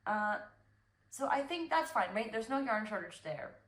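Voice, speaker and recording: A woman's voice: on the high side, animated, moderate pace, a bit bright, echoey room. A young woman hosting a knitting podcast, chatting casually and rambling with fillers and restarts. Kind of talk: casual chat.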